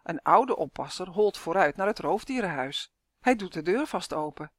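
Lively woman reading a children's story. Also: lowish voice, normal speed, dry recording, studio quality. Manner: lively, voices the characters.

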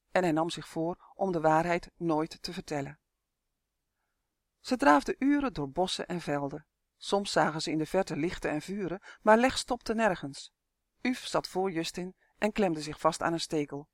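A storyteller reading a children's fantasy audiobook in a calm, measured way. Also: mid-range voice, no room sound, clean studio sound. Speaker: audiobook reader. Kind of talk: storybook narration.

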